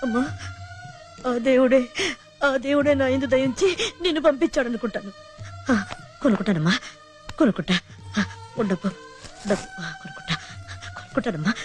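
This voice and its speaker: A woman's voice: high voice, wildly swooping pitch, fairly quick, long pauses. A woman with a playing an earnest village mother, over film music. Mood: eager. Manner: emotional, earnest. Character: rustic childless-of-sons village mother. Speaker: village woman buying a child. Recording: film soundtrack with loud music.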